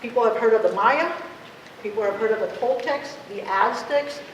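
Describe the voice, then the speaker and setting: A Spanish-speaking woman in her fifties, an activist, gives an impassioned, conversational public talk, often posing rhetorical questions. Her voice is fairly high and at normal speed. She's recorded from afar by a distant mic in an echoey room, with clear noise.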